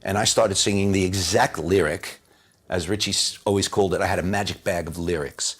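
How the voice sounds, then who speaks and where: A man recounting his audition in an interview, brisk and punchy. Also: low voice, fairly even intonation, a bit bright, husky. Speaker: singer interviewee. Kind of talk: interview recollection.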